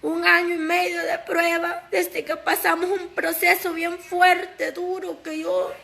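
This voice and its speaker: A woman's voice: extremely high pitch, flat delivery, a little slow, creaky, bright, forceful tone, slight background noise. A woman pastor's wife giving a fervent, tearful testimony to her church congregation.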